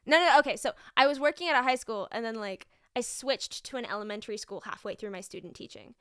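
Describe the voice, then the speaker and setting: Speaking quickly in a fairly high, slightly bright voice, this young student teacher chats on a stream, laughing often and using plenty of fillers as she shares comic stories from her classroom. The sound is clean studio audio with no room noise.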